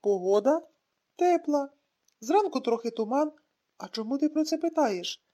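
A woman's voice: sits high, animated, normal speed, warm tone. A woman reading an audiobook, voicing an anxious elderly mother asking questions on the phone. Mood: worried. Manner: worried, questioning.

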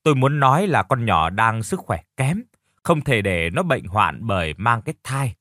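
A man's voice: mid-range voice, sing-song, normal speed, fairly bright tone, no room sound, clean studio sound. A man voicing a shrewd, scheming young woman who answers curtly and evasively. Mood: sly.

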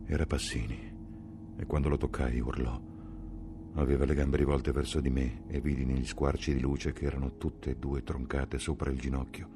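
A man reading a novel aloud as an audiobook, in a measured, slow and grave dramatic narration. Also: extremely low pitch, level tone. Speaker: audiobook reader.

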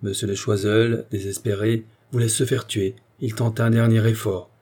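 A man narrating a classic novel as an audiobook, with expressive, theatrical delivery. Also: lowish voice, normal speed, slightly rough.

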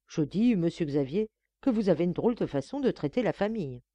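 A woman's voice: on the low side, expressive, a little fast, mellow, no echo. A woman voicing a coy, teasing young chambermaid who pleads lightly and feigns shock.

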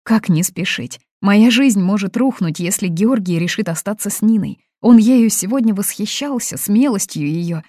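Lady reading as a tearful young woman, husky dark voice pushed higher, dry close sound. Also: expressive, moderate pace, hardly any pauses, no room sound, natural voice. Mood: anxious. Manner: pleading, high-strung. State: crying. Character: young woman, sobbing, desperate bride-to-be. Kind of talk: audiobook reading.

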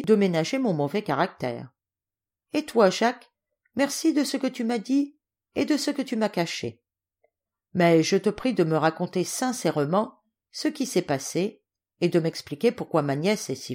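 A woman's voice: big pitch swings, moderate pace, a little mellow. Woman voicing a fiery old general. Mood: tender. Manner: emphatic, booming when angry. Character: old irascible Russian general, gruff but tender-hearted.

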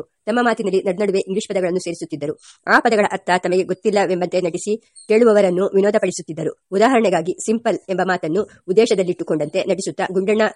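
A woman reading a memoir aloud as an audiobook, steady and unhurried, with small restarts. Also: mid-range voice, no echo, clean studio sound. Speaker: audiobook reader.

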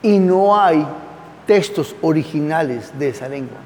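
A man's voice: on the high side, lively intonation, a little slow, darkish tone, long reverb tail, slight background noise. A man teaching a Bible class, reading from notes and often asking his listeners questions. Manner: conversational, asks the audience questions; reads aloud from notes and comments. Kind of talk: classroom lecture.

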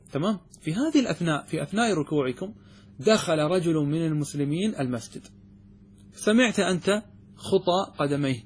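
A man's voice: a little high, a little mellow, slight background noise. A man teaching a classical religious text to students, explaining it point by point, often repeating words and checking whether his students have understood. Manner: asks students check questions, repeats words, restarts phrases. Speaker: sheikh teaching fiqh.

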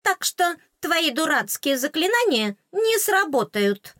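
A pint-sized tooth fairy squeaks and shrills with theatrical outrage, bossing someone around. The voice sits far above a normal speaking voice. The sound is dry and close, with no room around it. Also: female voice, very animated, takes it slowly, fairly bright tone, dry recording, full character voice. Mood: indignant. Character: tiny squeaky female tooth fairy, bossy and indignant.

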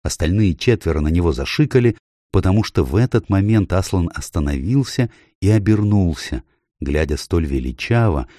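A low-pitched male narrator reads a scripted audiobook aloud, telling the story in a measured, expressive way. The recording is dry and of studio quality.

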